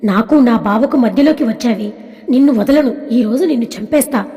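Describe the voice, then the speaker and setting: A woman's voice: a little high, normal speed, mellow, natural voice. A woman voicing a jealous young woman obsessed with her brother-in-law, pleading and threatening in turn. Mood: obsessive. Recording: long reverb.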